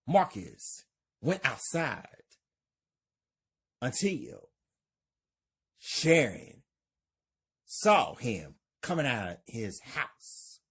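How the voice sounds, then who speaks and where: A woman reading a horror story aloud, narrating scenes in a deliberate, stage-direction style. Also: very deep voice, breathy edge. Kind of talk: slow narrated script reading.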